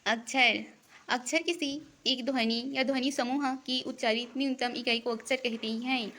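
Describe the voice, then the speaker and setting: A woman teaching an exam-prep lesson, reading out definitions in a steady, deliberate cadence. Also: sits high.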